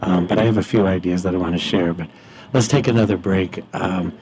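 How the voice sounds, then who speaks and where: A man, a priest, sitting in as host of a radio talk show, speaking in a halting, thoughtful way with many pauses and fillers. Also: low-pitched, fairly even intonation, darkish tone.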